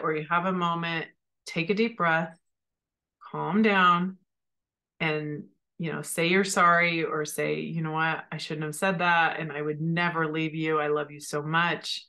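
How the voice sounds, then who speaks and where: This is a woman hosting a solo podcast about raising children, and she speaks in an earnest, reflective way. Her voice sits slightly low and rings bright. She often stumbles and repeats words while thinking aloud. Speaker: podcast host.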